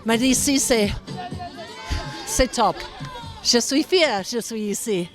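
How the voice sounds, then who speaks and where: A woman with a foreign accent in French, speaking in halting, simple phrases in an informal interview. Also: fairly high pitch. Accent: foreign, non-native French. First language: not French. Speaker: interviewed supporter of a children's village. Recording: loud music and crowd behind.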